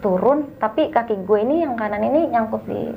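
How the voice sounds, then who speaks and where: A young woman, telling a story as a guest in a casual, animated way and acting out the dialogue. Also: fairly high pitch, fairly quick, gravelly, narrow, tinny audio, slight background noise.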